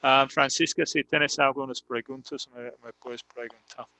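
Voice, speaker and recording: A man teaching in on a live stream, explaining slowly and patiently with many fillers. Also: mid-range voice, steady tone, bright, forceful tone, no echo, low-quality recording. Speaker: English teacher. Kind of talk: live online English lesson in Spanish.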